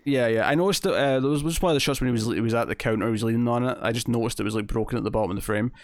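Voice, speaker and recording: A man's voice: medium pitch, very fast, no echo. Chatty Scottish man, dry sound. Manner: chatty, many fillers and repeated starts. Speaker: podcast co-host reviewing an episode. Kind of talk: casual chat.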